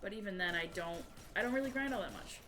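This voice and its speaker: A woman's voice: medium pitch, expressive, fast talker. A woman game streamer chatting casually with viewers and explaining things in a conversational way. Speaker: variety gamer and streamer.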